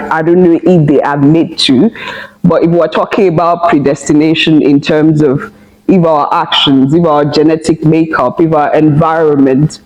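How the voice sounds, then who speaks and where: A young woman, a guest in a casual discussion, talking thoughtfully with pauses and fillers. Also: low-pitched, darkish tone, poor audio. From Nigeria. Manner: thoughtful, hesitant, many fillers.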